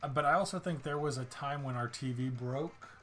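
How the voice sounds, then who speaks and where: A man's voice: medium pitch, a little fast, a bit bright. A man co-hosting a board game stream, chatting casually with joking, self-mocking asides. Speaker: co-host of a board game play-along stream.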